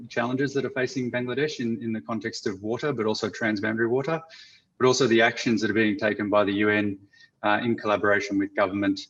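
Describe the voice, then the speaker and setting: A man moderating an online panel, speaking in a measured, halting way with many fillers over a video call. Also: on the low side, fairly bright tone. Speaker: webinar moderator. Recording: muffled lo-fi audio.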